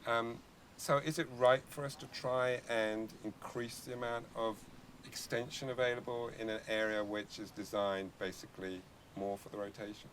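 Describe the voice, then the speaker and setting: A man in conversation, posing halting questions about yoga practice and anatomy with frequent restarts. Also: medium pitch, fairly even intonation, fairly bright tone, a little hiss or hum. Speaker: yoga teacher asking questions. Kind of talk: conversational interview.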